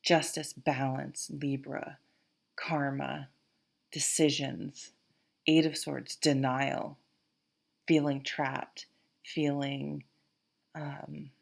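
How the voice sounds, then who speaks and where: A woman with a Vermont accent reading tarot casually to camera, halting and rambling as she thinks aloud. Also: a bass voice, flat delivery, gravelly. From Vermont, USA. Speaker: tarot reader, host.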